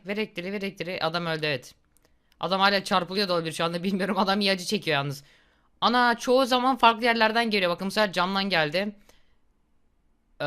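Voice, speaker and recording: A young man giving casual, excitable gameplay commentary, reacting loudly and laughing at gory moments. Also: high-pitched, smooth. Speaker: gaming YouTuber.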